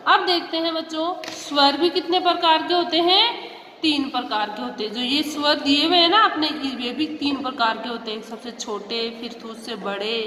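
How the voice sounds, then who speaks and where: A woman's voice: high voice, sharp tone, slight background noise. A woman teacher giving a grammar lesson to children, patiently asking questions and answering them herself. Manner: addresses children directly. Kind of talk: classroom Hindi grammar lesson. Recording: echoey room with long reverb.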